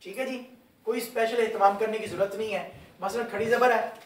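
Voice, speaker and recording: Brief: high-pitched male teacher, patient and repetitive, recorded far off in a roomy mosque hall. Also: steady tone, a little fast. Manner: patient, repeats and quizzes students. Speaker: religious teacher. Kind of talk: Quran recitation lesson. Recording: echoey hall, far from mic.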